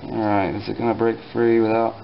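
A man casually explaining a small engine repair in his home garage, relaxed and dryly joking, with plenty of fillers as he works. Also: on the low side, fairly quick, vocal fry, highs cut off, a little hiss or hum. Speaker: repair instructor. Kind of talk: casual hands-on repair tutorial.

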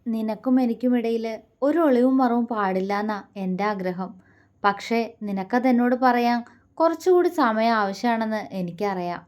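A woman's voice: fairly high pitch, moderate pace, natural voice. A woman voicing a tender, protective young man who coaxes and comforts his lover. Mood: tender firm. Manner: soft, affectionate, coaxing.

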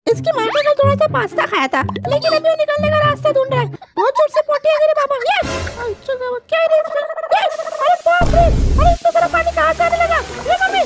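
A woman voicing a feisty, scheming old granny in a cartoon dub, scolding and exclaiming in a creaky old-lady voice. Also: very high-pitched, fast, hardly any pauses. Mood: flustered. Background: loud background music.

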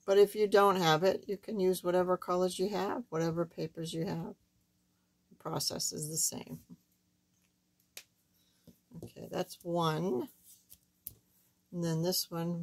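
Craft tutorial host: older woman, lowish pitch, thin squeaky voice with some hoarseness, casual and halting. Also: fairly even intonation. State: hoarse while recovering from surgery. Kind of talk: casual card-making demonstration. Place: indoors at a wooden craft table, camera overhead.

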